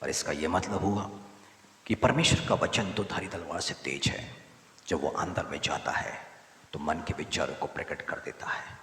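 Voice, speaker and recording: A man preaching as a pastor, moving between loud exhortation and soft murmured appeals, with repeated hallelujahs. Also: low-pitched, moderate pace, slight background noise. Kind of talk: sermon. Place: church hall. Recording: echoey church hall, voice from a distance. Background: congregation.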